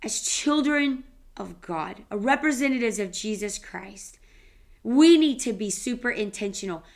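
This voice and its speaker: A female pastor speaks in a slightly high, slightly slow voice, chatting emphatically during a casual devotional talk. She's animated and emphatic, peppering her words with affirming interjections.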